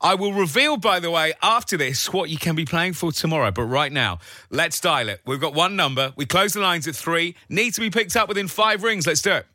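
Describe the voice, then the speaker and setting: A man hosting a radio phone-in competition in an upbeat presenting style, drawing out pauses for suspense, close on a studio mic. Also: fairly high pitch, bright, forceful tone, dry recording. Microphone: close, dry studio microphone.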